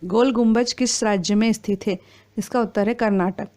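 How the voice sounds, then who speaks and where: A woman reading exam quiz questions and their answers in a steady, formal recitation. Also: fairly high pitch, normal speed.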